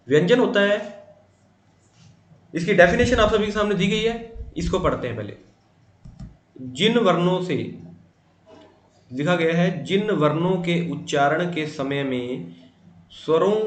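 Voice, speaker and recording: A man teaching a Hindi grammar class online. He explains patiently, often checks in with "ठीक है", and draws out vowel sounds to show how they differ. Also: a little high. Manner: patient, repeats points with "ठीक है", stretches vowels to demonstrate. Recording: echoey room with faint ambient noise.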